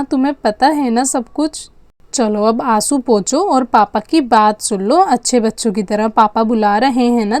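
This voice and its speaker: A woman's voice: sits high, darkish tone, no room sound. A woman telling a doll story and voicing its characters, here coaxing in a soothing older-sister tone. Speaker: storyteller voicing all dolls.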